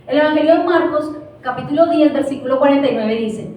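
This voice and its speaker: A woman's voice: sits high, fairly quick, darkish tone, very echoey, recorded from a distance, poor audio. A woman pastor preaching a passionate sermon, asking the congregation questions. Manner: impassioned, asks the congregation questions. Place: church.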